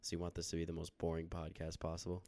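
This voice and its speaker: Man, podcast co-host, deep flat gravelly voice, teasing, dry close sound. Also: fast talker, no room sound. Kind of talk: casual chat.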